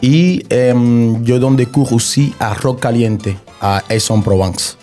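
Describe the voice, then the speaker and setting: A man from Cuba with a Cuban Spanish accent, a dance teacher in a radio interview, speaking in a halting way and mixing in Spanish words. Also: mid-range voice, warm tone, faint music behind.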